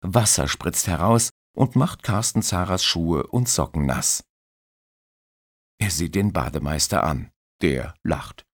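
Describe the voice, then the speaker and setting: A man reading a story aloud as narrator, in a clear, expressive way. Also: low-pitched, slow pace, dry recording, clean studio sound. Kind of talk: scripted audiobook narration.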